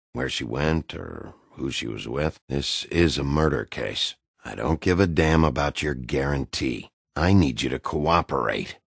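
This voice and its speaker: Bigby Wolf, very deep gravelly detective. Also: male voice, no echo, heavily acted. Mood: gruff, probing. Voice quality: gravelly, husky. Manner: blunt, dry, brooding interrogator. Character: gruff, weary, hard-boiled Big Bad Wolf detective. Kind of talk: video game voice acting.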